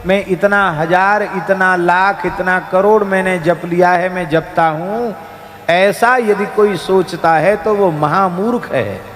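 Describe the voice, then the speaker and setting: A man giving a devotional sermon, with an emphatic rising and falling delivery and slow chanted verses. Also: high-pitched. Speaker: spiritual preacher. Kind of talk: devotional discourse. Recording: reverberant hall with soft music.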